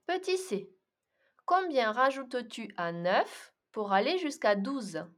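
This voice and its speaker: A woman teacher dictating arithmetic exercises to pupils, deliberately and with repetition. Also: on the high side, sing-song. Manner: dictating, deliberate, repeating each item. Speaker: primary school teacher.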